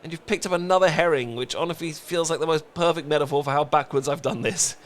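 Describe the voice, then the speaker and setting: Speaking quickly in a natural, rather high voice, a British-accented man voices a lovestruck, flustered best friend for a rom-com audio roleplay. He rambles and stammers his way through a heartfelt, earnest confession.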